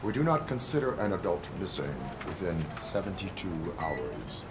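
A very low-voiced cyborg policeman in a video game. He is stiff, formal and stoic, yet the pitch moves noticeably. Noisy ambience sits behind him. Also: very animated, moderate pace. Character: robotic cyborg police officer, stoic and dutiful.

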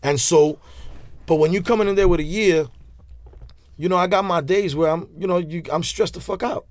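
A man's voice: sits high, moderate pace, no echo. Bronx-accented man telling prison stories. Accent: New York. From New York. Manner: street slang, animated hand gestures, many restarts. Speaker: interview guest. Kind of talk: casual storytelling interview. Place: small studio with leather couch. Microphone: studio mic on stand.

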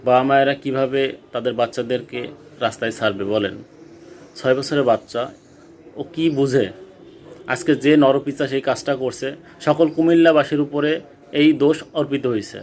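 A man's voice: medium pitch, moderate pace, pauses often, darkish tone, slight background noise. A man making an impassioned, indignant public appeal as a vlogger, urging listeners to act. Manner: urgent, indignant, exhorting.

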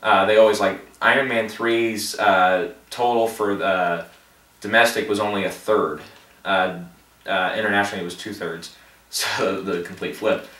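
A man's voice: lowish voice, fairly even intonation, normal speed, bright, forceful tone. Chatty man, tired, roomy and distant. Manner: chatty, self-deprecating, laughs at himself, many fillers. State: tired, late at night. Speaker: box office prediction vlogger. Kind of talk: casual rambling commentary. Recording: roomy echo, distant from the mic.

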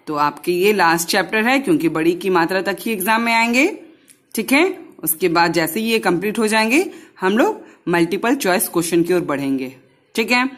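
At a medium pitch, a woman gives young children a Hindi lesson. She patiently breaks words into syllables and keeps checking that the kids are following.

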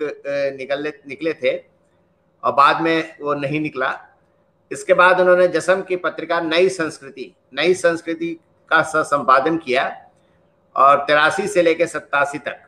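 A man hosting an interview, introducing his guest in a measured way with frequent pauses. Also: a little high, bright, forceful tone, rough recording. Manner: slow, measured, with frequent hesitations. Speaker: interviewer and host. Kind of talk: formal Hindi interview introduction.

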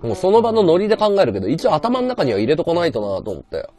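A male livestreamer chatting casually with viewers, blunt and slangy. His pitch leaps up and down very expressively, and quiet music plays underneath. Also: wildly swooping pitch, fast. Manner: blunt slangy banter, reads viewer comments.

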